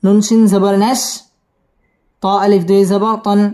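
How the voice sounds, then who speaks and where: Patient woman reciting teacher, slow deliberate spelling, drawn-out chanting. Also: mid-range voice, little pitch movement, dark tone. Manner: spells letters syllable by syllable, then chants the verse slowly. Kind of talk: slow spelling-out tajweed lesson.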